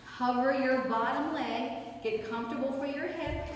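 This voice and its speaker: A woman's voice: high voice, moderate pace. A woman instructing an exercise class, giving short, directive cues and counting out repetitions. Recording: echoey hall, distant mic, noisy background.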